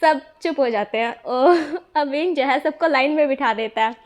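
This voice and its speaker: A young woman with a high voice tells a fan story in a loose, chatty way. She leans on the same filler phrases again and again as she narrates. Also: normal speed. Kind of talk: casual fanfiction narration.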